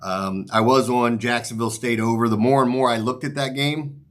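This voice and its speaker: A man's voice: medium pitch, fairly even intonation, normal speed. Casual male sports host, slightly numb-mouthed. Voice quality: slightly off articulation, as from a numb mouth after the dentist. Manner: informal, rambling, mild swearing. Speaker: sports betting show host. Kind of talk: casual sports picks commentary, straight to viewers.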